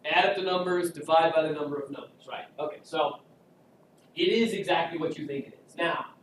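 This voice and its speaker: A man's voice: a little high, fairly even intonation, fairly quick, distant mic, a little hiss or hum. A man teaching a statistics class in a casual, joking lecture style, quizzing his students. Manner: joking, chatty, asks class questions. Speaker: statistics instructor. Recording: echoey classroom recorded from afar.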